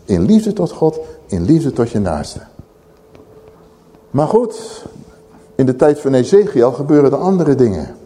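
A man preaching a sermon, reading scripture aloud and commenting in an animated way. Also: mid-range voice, unhurried, pauses often. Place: church hall. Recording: long reverb of a church hall.

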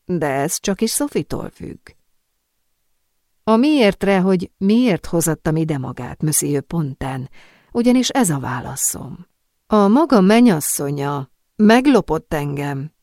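Nobleman villain, cool and measured, voiced by a female reader; keep the tone low and dry. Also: no echo. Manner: calm, measured, self-satisfied. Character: calm scheming Italian nobleman, middle-aged man.

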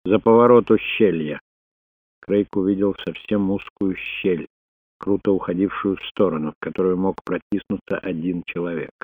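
A man narrating a thriller audiobook in a steady, even reading voice. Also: low-pitched, normal speed, slightly rough, no room sound. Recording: dry, phone-like narrow sound.

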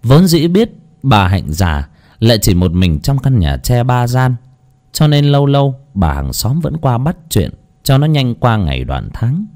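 A man narrating a story in a slow, gentle, lyrical way. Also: medium pitch, big pitch swings.

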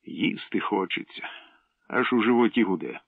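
A man's voice: on the low side, lively intonation, normal speed, creaky, dry recording. A man voicing a sullen, sly freckled boy who mumbles, in a storybook reading. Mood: grumbling. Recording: dry tinny phone-like sound.

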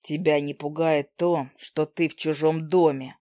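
A woman doing a brooding young demon man, low and hushed. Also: steady tone, unhurried, dry recording, clean studio sound. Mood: subdued.

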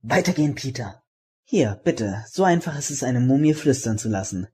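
A man's voice: mid-range voice, lively intonation, normal speed, a little mellow, a little hiss or hum, close to an everyday voice. A young man as a clever teen boy detective.

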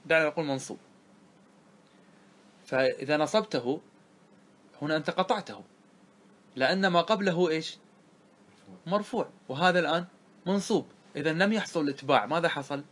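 A man teaches grammar in a classroom lesson, and his voice sits a little high for a man. He draws out each line of verse as he recites it. Then he breaks off to quiz his listeners with short checks. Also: fairly bright tone. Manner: asks students rhetorical checks, recites verse slowly. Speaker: sheikh teaching Arabic grammar.

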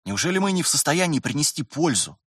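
A man's voice: on the high side, very animated, fast, a bit bright, breathy edge, no room sound, studio quality, pitched above the performer's own voice, heavily acted. A man voicing an eager young male trainee who pleads and protests with pointed questions. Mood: indignant.

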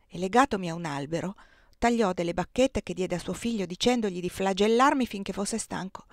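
A woman's voice: medium pitch, brisk, dry recording, lightly acted. A woman reading the part of an enslaved young husband who speaks grimly and bitterly about his master, in a dry, close audiobook recording. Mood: bitter, indignant.

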